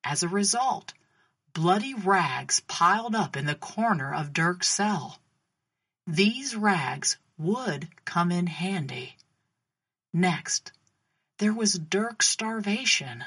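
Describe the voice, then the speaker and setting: Slow, breathy woman telling a faith story. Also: on the low side, lively intonation, a bit bright. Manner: dramatic storytelling with pauses and questions to the listener.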